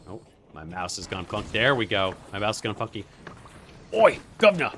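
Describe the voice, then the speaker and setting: A man streaming and casting an esports match, giving away codes and calling the plays with excitable play-by-play. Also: lowish voice, a little fast, slight background noise. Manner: excitable play-by-play, rising to shouts. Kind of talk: live game commentary.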